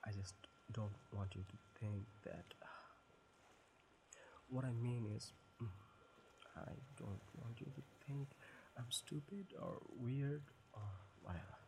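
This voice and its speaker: A man playing a shy, flustered young man smitten with a friend in a romantic audio role-play, stammering, halting and apologetic. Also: mid-range voice, gravelly, noisy background. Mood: anxious, self-scolding.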